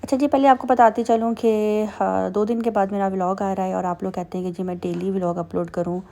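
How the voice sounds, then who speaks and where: A woman's voice: mid-range voice, steady tone, a little fast, vocal fry, warm tone. A woman with a Pakistani Urdu accent, narrating her day in a chatty, casual vlog voice-over full of fillers. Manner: chatty, filler-heavy storytelling. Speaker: vlogger.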